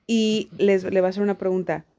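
A woman's voice: mid-range voice, steady tone, brisk, dark tone. Woman translating a video as she goes. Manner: talks over a clip, repeating it line by line. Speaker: video commentator translating a clip. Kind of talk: casual commentary and live translation.

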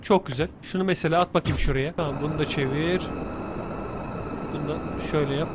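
A man doing playful let's play commentary, joking and teasing with excitable outbursts. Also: a little high, fast talker, noisy background. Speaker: gaming YouTuber.

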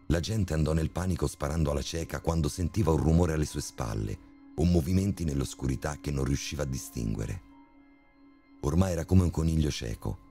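Very deep, dark male horror narrator. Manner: steady, grim storytelling. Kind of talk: scripted first-person horror narration. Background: faint background music.

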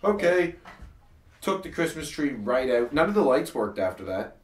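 A man's voice: mid-range voice, sing-song, moderate pace, recorded from a distance. A man co-hosting a talk about his comedy web series, chatting casually and often restarting his sentences. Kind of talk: casual chat. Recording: echoey room, voice a bit off-mic.

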